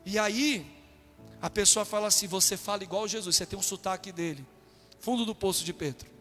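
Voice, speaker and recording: A man from Brazil, a pastor preaching a sermon with animated delivery, acting out quotes in a raised voice. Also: sits high, brisk. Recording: long hall reverb with faint music.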